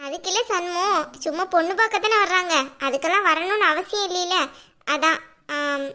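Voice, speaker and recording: A woman's voice: very high voice, a little fast, bright, forceful tone. A woman voicing a touchy young elder sister in a cartoon, defensive and snappish.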